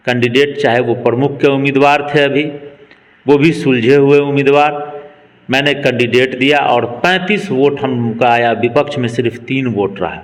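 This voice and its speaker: A man in his twenties, a local party worker, speaking emphatically in a political interview. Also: mid-range voice. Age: 20s. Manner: emphatic, rallying speech cadence. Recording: long reverb.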